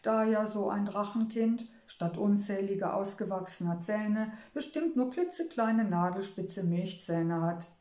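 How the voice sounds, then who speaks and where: Storybook princess girl, read by a woman: spirited, sarcastic, heated, higher voice, echoey room. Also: a little slow, hardly any pauses, darkish tone, natural voice. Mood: indignant. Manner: agitated, sarcastic, exclaiming. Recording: roomy echo.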